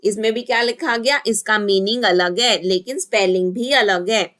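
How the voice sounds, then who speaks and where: A young adult woman with an Indian accent, teaching an online exam-prep lesson and slowly repeating each point in mixed Hindi and English. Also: mid-range voice, a bit bright. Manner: slow, repetitive explaining in mixed Hindi and English.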